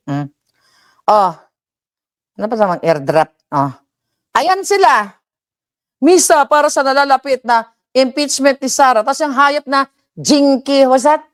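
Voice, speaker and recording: A woman giving heated reaction commentary, ranting with frequent profanity and switching into English. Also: sits high. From Philippines.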